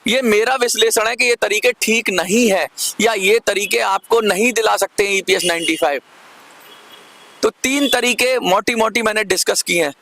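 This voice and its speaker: A man's voice: sits high, normal speed, creaky, sharp tone, no room sound. A man hosting a commentary video, arguing his case to viewers, repeating points for emphasis and urging them to comment. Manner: persuasive, asks viewers to comment. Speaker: channel host. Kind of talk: direct-to-camera commentary.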